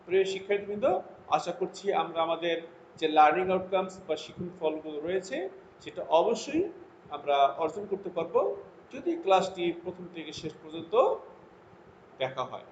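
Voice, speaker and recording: A man teaching an English grammar lesson to students, reading his English example sentences out slowly and deliberately between his explanations. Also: high voice, lively intonation. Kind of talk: recorded classroom lesson. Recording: lo-fi echoey room with faint noise.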